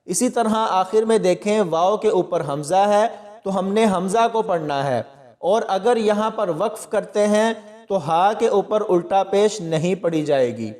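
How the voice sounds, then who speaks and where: A man teaching Quran reading with tajweed, explaining each word, then spelling it out slowly syllable by syllable. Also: high-pitched, darkish tone, big-room sound. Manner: slow, drawn-out syllable-by-syllable recitation between explanations. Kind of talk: tajweed lesson, spelling out letters.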